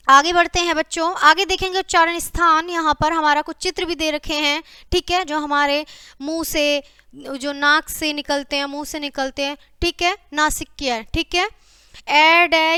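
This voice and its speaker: A woman teacher walks children through a grammar lesson, checking in with "okay" after nearly every point. Her voice sits high and sounds bright and forceful. The recording is close and dry. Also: dry recording. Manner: repeats "ठीक है" and addresses "बच्चों" constantly; lists example words one by one. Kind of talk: classroom grammar lecture.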